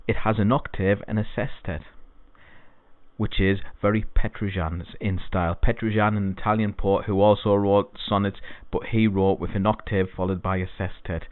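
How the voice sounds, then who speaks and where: Male tutor, patient and repetitive exam-prep explainer; lowish voice, lo-fi phone-line sound. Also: no room sound. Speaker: English tutor. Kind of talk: exam-prep poetry lesson.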